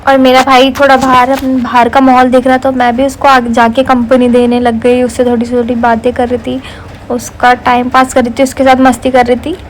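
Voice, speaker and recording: A woman's voice: high voice, monotone, moderate pace, slight background noise. A young woman narrating her family vlog in a chatty voice-over, fondly describing her relatives and outings. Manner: warm, affectionate storytelling about family. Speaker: family vlogger.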